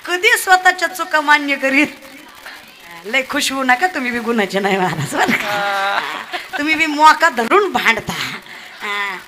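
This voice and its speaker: A woman's voice: high voice, a little slow, background noise. A woman preaching a humorous devotional sermon on a stage, teasing her listeners and acting out the people in her tales. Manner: lively, teasing the audience, acts out characters in the tale. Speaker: kirtan preacher.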